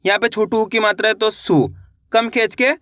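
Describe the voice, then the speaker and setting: A man's voice: high voice, steady tone, moderate pace, a bit bright, no echo, studio quality. A young man teaching a beginner reading lesson, patiently repeating each question and answering it himself.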